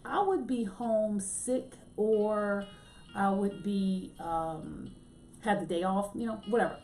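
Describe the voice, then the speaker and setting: A woman hosting her own podcast in a casual, humorous way, with light filler words and lively asides to the listener. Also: mid-range voice, slow, roomy sound, soft background music. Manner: chatty and humorous, acts out quotes with a raised voice. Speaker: podcast host. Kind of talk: casual solo podcast talk.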